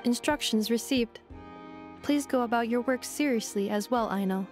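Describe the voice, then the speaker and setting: An actress voicing a polite, precise female robot helper in a video game, speaking in a formal, even manner. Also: on the high side, normal speed, soft background music, lightly acted. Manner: formal, precise, evenly paced.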